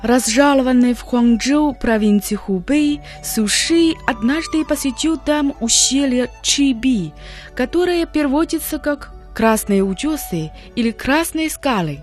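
A woman co-hosting a scripted radio language lesson, slowly explaining words one at a time. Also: high-pitched, lively intonation, a little mellow, faint music behind. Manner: slow, careful explanations of words.

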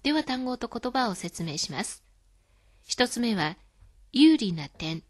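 A woman hosting a scripted radio lesson, explaining words calmly. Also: a little high, unhurried. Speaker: Chinese language teacher.

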